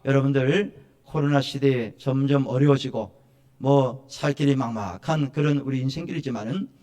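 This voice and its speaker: A male pastor preaching a Sunday sermon in a church, calling out prayers and pleas with rising passion. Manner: shouting, impassioned preaching with rising pitch; voices prayers and pleas as quoted speech. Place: church sanctuary.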